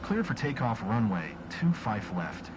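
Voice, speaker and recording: A man's voice: on the low side, sing-song, unhurried, highs cut off. A man voicing a businesslike airline pilot in a game, reading clipped radio phraseology. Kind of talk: scripted aviation radio phraseology. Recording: loud aircraft cabin noise.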